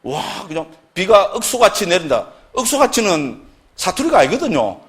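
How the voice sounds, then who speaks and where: A man's voice: high-pitched, wildly swooping pitch, moderate pace, fairly bright tone. A middle-aged man giving a casual lecture on Buddhist scripture, constantly checking in with his listeners for agreement. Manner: chatty, keeps asking listeners for agreement.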